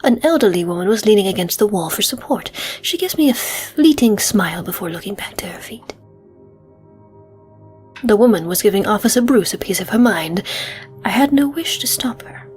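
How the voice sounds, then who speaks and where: Composed male detective played by a woman, deliberate in-character video game narration, mid pitch, faint music underneath. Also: expressive, a little mellow, slightly rough. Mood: measured, observant. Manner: measured, deliberate storytelling in a put-on detective voice.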